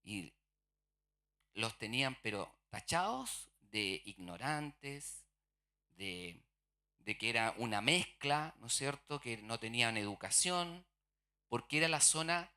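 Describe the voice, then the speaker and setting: A preacher delivers a church sermon in a bright, forceful voice. The pitch sits in a middle range. The preacher keeps posing questions to the congregation and then answering them.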